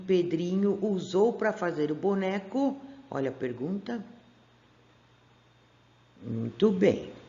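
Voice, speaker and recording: Uma professora de sotaque brasileiro dá uma aula gravada para crianças do primeiro ano. Ela estica as sílabas com paciência e faz perguntas à turma. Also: female voice, on the low side, warm tone, echoey room, lo-fi sound. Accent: Brazilian Portuguese. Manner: patient, stretches out syllables, asks the class questions. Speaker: primary school teacher. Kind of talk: recorded remote class for first graders. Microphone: camera pointed at a workbook.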